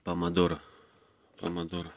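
Calm man narrating a casual food-tasting vlog. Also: low-pitched, normal speed, slight background noise. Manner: calm, terse, speaks in short clipped phrases. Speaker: vlogger tasting groceries. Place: indoors, in a room in a city. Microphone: phone camera held by the speaker, who stays off screen.

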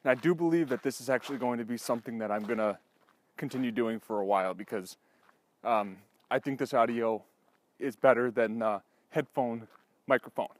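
Breathless and eager, a young man vlogs casually to the camera, filling his talk with fillers in a brisk, medium-pitched voice. Settings are an echoey basement and a streamside outdoors, recorded via a headphone mic into a GoPro and a handheld lavalier clip mic.

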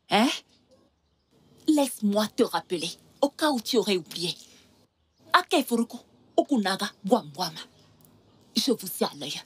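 A middle-aged woman dubbing a stern village mother who scolds her daughter and shouts in exasperation, in a French film dub. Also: mid-range voice, breathy edge, exaggerated voice. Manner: scolding, loud outbursts. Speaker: dubbing actor.

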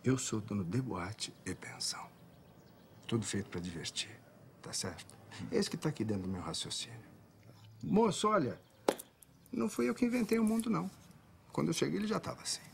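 A man's voice: medium pitch, lively intonation, a little fast, gravelly, long pauses, slight background noise. A man acting a scornful, self-righteous brothel owner in a film drama, talking with swagger and threat. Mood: boastful.

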